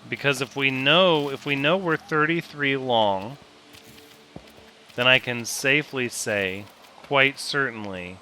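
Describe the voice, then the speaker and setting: A man's voice: medium pitch, takes it slowly, pushed and bright, faint music behind. A man giving casual gameplay commentary, thinking aloud, counting pieces and joking with himself as he builds.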